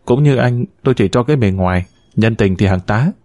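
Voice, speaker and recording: A man voicing a feisty, sharp-tongued woman near thirty who bickers and teases, in a read-aloud story. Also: mid-range voice, no echo, studio quality, natural voice. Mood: teasing. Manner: brash, quick to bicker and tease.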